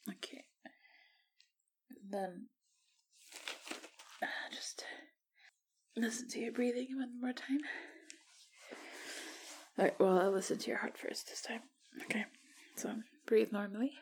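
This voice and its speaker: Husky whispering woman, slow and soft. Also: fairly high pitch. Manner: flirtatious, gentle. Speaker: roleplay researcher. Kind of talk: ASMR roleplay.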